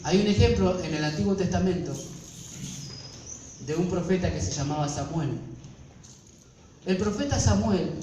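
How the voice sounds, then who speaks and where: High-voiced Argentine pastor preaching. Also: male voice, a little mellow. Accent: Argentine Spanish. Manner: asks the congregation rhetorical questions. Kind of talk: sermon. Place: church. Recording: echoey church from far off, faint noise.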